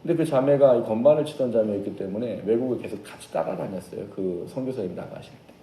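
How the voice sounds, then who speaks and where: A man preaching a sermon as pastor, telling a story with lively changes and acting out shouted lines. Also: mid-range voice, fast talker, echoey room, low-quality recording. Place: church sanctuary.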